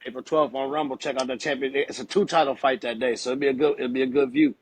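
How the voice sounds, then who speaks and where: A man's voice: mid-range voice, steady tone, fast talker, breathy edge. A man hosting a casual chat, asking questions in laid-back, slangy, hyped-up talk. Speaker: podcast host interviewer.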